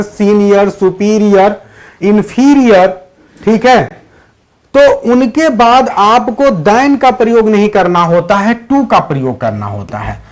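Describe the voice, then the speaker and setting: High-pitched guy running a live english grammar class, reads out students' answers from chat. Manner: mixes Hindi with English sentences. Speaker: English teacher for exam prep. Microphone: digital board class setup.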